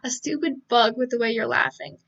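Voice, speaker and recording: A woman reading the lines of a cold, sharp-tongued teenage boy from a novel, in a curt, insulting manner. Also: fairly high pitch, brisk, far from the mic, muffled recording, natural voice. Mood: cold, scornful. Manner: curt, insulting, flat delivery.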